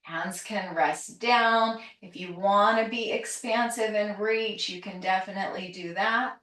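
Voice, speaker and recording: A woman yoga teacher leads a calm grounding exercise in a roomy, echoey space, standing a little far from the microphone. She gives breath and movement cues very slowly, in a gentle, soothing, medium-pitched voice.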